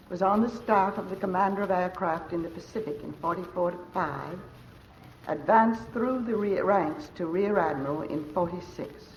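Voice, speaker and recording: A woman as mistress of ceremonies, giving a formal, measured speech introducing a speaker at a luncheon, heard on an old broadcast transcription disc. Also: fairly low pitch, a little hiss or hum. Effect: old broadcast transcription disc sound. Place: large hotel ballroom. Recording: dull lo-fi old transcription disc, echoey ballroom.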